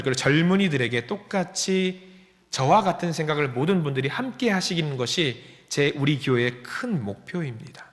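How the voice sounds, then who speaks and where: Man, pastor, animated sermon storytelling, bright tone, long hall reverb. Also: mid-range voice. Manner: storytelling with acted dialogue and audience questions. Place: church sanctuary.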